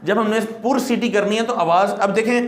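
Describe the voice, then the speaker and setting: Male recitation teacher, high voice, patient explainer with long drawn-out sound demos, echoey room. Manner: explains patiently, then draws out letter sounds as long demonstrations. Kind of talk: classroom lesson.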